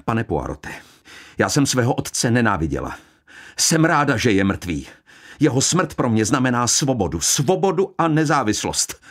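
Speaking at medium pitch and very animated, a man takes on the role of a bitter young woman, a daughter who is cold and scornful. Every line is sharp, piercing and contemptuous.

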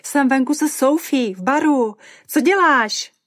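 A woman reading an audiobook, voicing a loud, excited, tipsy young female friend who shrieks down the phone. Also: high voice, no room sound, studio quality, pitched above the performer's own voice. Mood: shrieking excited. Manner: squealing, shrieking.

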